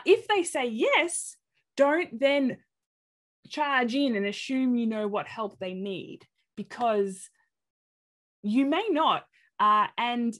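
Australian woman presenter, slightly high pitch, animated and expressive, webcam webinar sound. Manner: animated, acts out quoted reactions in voices. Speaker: presenter of an inclusion talk.

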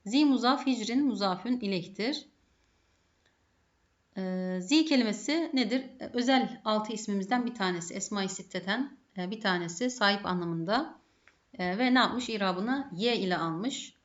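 A woman's voice: medium pitch, normal speed, lo-fi sound. A woman with a Turkish accent teaching Arabic grammar step by step, asking herself questions and answering them. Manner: methodical, poses and answers her own questions. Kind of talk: grammar lesson.

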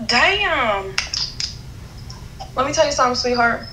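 A woman's voice: sits high, big pitch swings, measured pace, bright, forceful tone. A woman in her early twenties with an American accent, chatting casually and skeptically in slang over a phone video call. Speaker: video-chat caller. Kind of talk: casual chat. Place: indoor room at home. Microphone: phone at arm's length, video call. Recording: faintly noisy video-chat audio.

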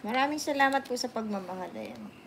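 With a slightly high, animated voice and a quick pace, this woman in her sixties runs a casual livestream from her phone at arm's length, slight background noise around her. In an indoor sofa room she sounds sleepy but chatty, answering comments in mixed languages and thanking viewers over and over.

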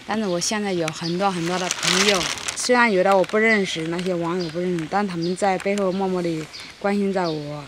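A woman in her late twenties from Henan, talking earnestly and softly in a personal interview. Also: lowish voice, fairly even intonation, a little fast, hardly any pauses. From Henan, China. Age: late 20s. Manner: earnest, soft-spoken, repeats words for emphasis. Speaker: documentary subject. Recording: noisy outdoor field recording.

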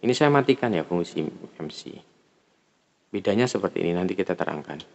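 Low-pitched Indonesian man demonstrating gear. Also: lively intonation, brisk, darkish tone. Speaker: product reviewer. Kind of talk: casual hands-on gear demonstration.

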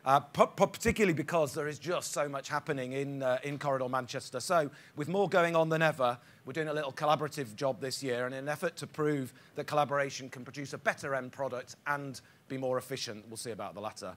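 A man giving a conference presentation, with halting starts, fillers and small stumbles. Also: medium pitch, a bit bright. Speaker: conference speaker. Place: conference hall.

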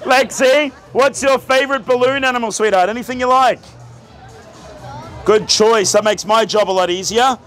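Casting: Australian male street magician, theatrical joking showman, very high projected voice, crowd and music behind. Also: moderate pace, a bit bright. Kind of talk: live street magic show patter to a crowd. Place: outdoor night street market with onlookers.

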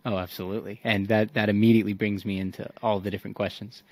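Speaking fast in a lowish, slightly mellow, flat voice, a young podcast host reads his intro and poses questions. He's polite, self-deprecating and a bit hesitant, recorded in a home room on a boom-arm studio mic with no echo.

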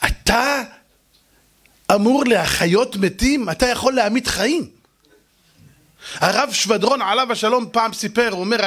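A rabbi delivering an animated sermon in a high, bright-pitched male voice. He tells stories, briefly takes on the voices of the people in them, and keeps turning to his listeners with rhetorical questions. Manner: animated storytelling, acting out quoted voices; preaches with rhetorical questions to the audience.

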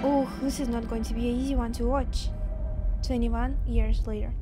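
Excitable Russian woman reacting to a film. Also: fairly high pitch, moderate pace, over loud music. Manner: excitable, gasping and exclaiming. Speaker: reaction video host. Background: film soundtrack.

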